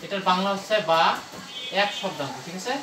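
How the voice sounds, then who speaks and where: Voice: mid-range voice, reverberant, noisy background. A teacher explaining a grammar lesson in a classroom while writing on the board, often asking a question and answering it. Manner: explains slowly, asks and answers its own questions. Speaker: English teacher.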